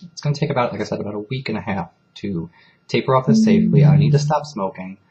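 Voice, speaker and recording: A man's voice: fairly low pitch, gravelly, darkish tone. Candid rambling man, lo-fi vlog. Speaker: vlogger. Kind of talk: personal confessional vlog.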